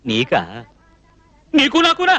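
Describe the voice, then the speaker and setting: An actor dubbing a naive, fussy young male cook in a film comedy, scolding and quick-tempered. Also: extremely high pitch, wildly swooping pitch, pushed and bright, exaggerated voice. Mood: indignant. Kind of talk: dubbed film comedy acting.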